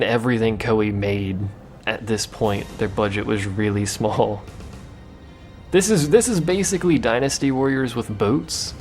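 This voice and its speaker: A let's play commentator rambles casually through gameplay, joking and poking fun at himself. He has a fairly low, darkish male voice.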